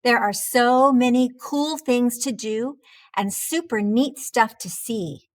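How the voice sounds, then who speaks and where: A woman reading a children's storybook aloud, gentle and expressive. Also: on the high side, slow pace. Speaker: children's book reader.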